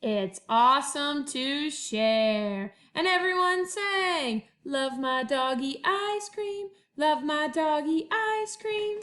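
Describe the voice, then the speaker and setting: A high-voiced woman, a first-grade teacher at home, addresses young children. She speaks slowly and expressively, drawing out phrases like someone reading a picture book aloud, and now and then sings the refrains.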